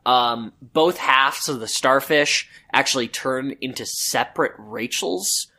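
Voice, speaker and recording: A man's voice: medium pitch, slow, pushed and bright. A man co-hosting a podcast, chatting casually about a book and rambling with lots of "like" and "um". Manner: rambling, full of "like" and "um". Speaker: podcast co-host. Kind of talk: casual book-discussion chat.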